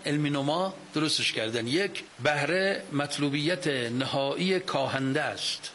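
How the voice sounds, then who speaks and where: A man's voice: a little high, rough recording. A man giving a religious lecture to an audience on a microphone, arguing his points through many rhetorical questions. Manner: animated, argumentative, asks rhetorical questions. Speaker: cleric lecturer. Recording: faint hiss.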